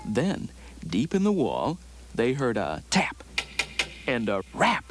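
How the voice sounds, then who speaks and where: Male storybook narrator, gentle sing-song telling, very expressive pitch, worn tape copy sound. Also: slow. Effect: worn VHS tape copy sound. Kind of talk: scripted children's story narration. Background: soft background music.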